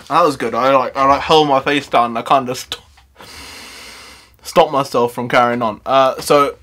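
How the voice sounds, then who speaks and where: A woman's voice: extremely low pitch, fairly even intonation, a little slow, pauses often, a bit bright. A woman vlogger in a giggling laughing fit who keeps breaking into laughter mid-sentence as she tries to sign off. She sounds tired and keeps repeating herself. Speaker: comedy vlogger. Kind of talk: casual unscripted vlog sign-off.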